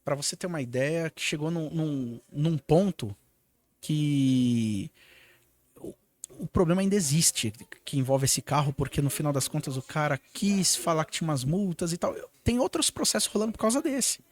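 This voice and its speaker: A man with a Brazilian Portuguese accent, a lawyer telling a story on a podcast in a lively way and acting out the lines of the people in it. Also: a little high, moderate pace. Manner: animated, acts out quoted dialogue. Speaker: lawyer guest.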